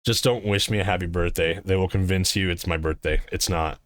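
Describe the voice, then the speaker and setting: A man's voice: low voice, steady tone, a little fast, no echo, clean studio sound. A man streaming live, chatting casually and answering his chat in a rambling, swearing way.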